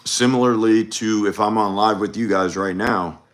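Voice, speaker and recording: A man's voice: on the low side, steady tone, normal speed. A man coaching on dating in a loose, rambling livestream chat, full of fillers and restarts. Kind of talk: casual livestream talk. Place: home livestream.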